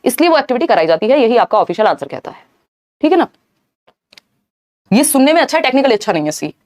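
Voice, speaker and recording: A woman teaching a live online exam-prep lesson, explaining answers briskly and answering viewers in the chat. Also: on the high side, big pitch swings, a little mellow.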